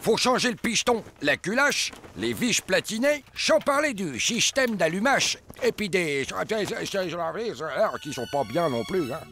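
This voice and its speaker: An offhand, rambling mechanic in a cartoon. His voice is fairly high and bounces lively up and down, with cartoon music playing behind. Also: a little slow, few pauses, exaggerated voice. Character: gruff working-class male mechanic. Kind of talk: cartoon voice acting.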